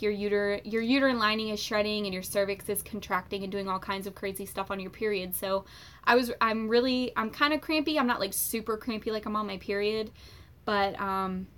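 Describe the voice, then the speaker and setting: Young woman vlogger, bright voice, casual storytelling with lots of fillers. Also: mid-range voice. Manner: chatty, many fillers, animated retelling.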